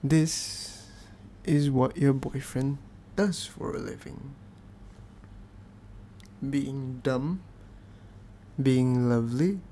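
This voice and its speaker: A man's voice: medium pitch, mellow, slight background noise. A British man doing an ASMR role-play as a needy, clingy, playful boyfriend, speaking in an intimate, affectionate, pleading way.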